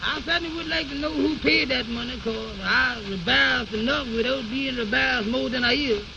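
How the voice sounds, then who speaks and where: A man's voice: very high voice, moderate pace, gravelly. An actor playing a humble, naive and easily flustered man who stammers and repeats himself in folksy speech, in old radio comedy style. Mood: worried. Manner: stammering repetitions, deferential, folksy ungrammatical speech. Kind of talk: 1930s-40s radio comedy acting. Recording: muffled, noisy old radio recording.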